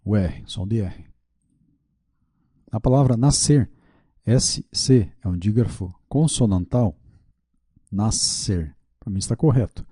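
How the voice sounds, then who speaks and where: A man's voice: lowish voice, warm tone, breathy edge, no room sound, clean studio sound. A man teaching a video lesson with a Brazilian Portuguese accent, working through quiz questions aloud, checking his answers and admitting his mistakes.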